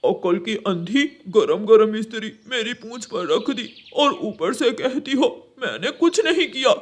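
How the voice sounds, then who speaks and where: A man's voice: high voice, unhurried. A man voicing a grumpy, sarcastic male crow father who scolds his wife and son in a cartoon. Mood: angry. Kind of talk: cartoon voice acting.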